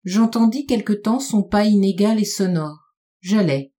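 A woman narrates a classic short story in a warm, mellow voice. Her reading is measured and deliberate. She slows and lowers her voice to weigh the gloomiest repeated phrases. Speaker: audiobook reader. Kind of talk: literary audiobook narration.

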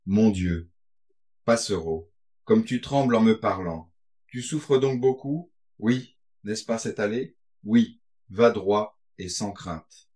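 A man reading a gothic tale aloud, voicing an anxious young woman who pleads gently with her lover. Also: lowish voice, takes it slowly.

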